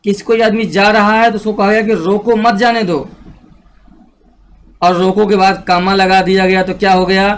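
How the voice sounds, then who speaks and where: A male grammar teacher giving a classroom lecture, explaining slowly, repeating each rule and checking that students follow. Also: sits high, little pitch movement.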